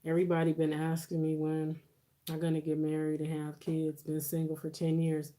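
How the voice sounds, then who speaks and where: Livestream host, woman, forties, lowish voice, informal and reassuring advice-giver. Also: monotone, moderate pace, dark tone. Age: 40s. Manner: reassuring, conversational advice-giving. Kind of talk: casual livestream chat with viewers.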